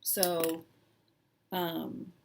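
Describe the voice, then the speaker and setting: A woman vlogger chatting casually and personally, halting and hesitant with long pauses, sounding shaky and close to tears. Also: low voice, flat delivery, vocal fry, darkish tone, slight background noise. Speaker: cross-stitch vlog host. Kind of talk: casual personal chat to camera.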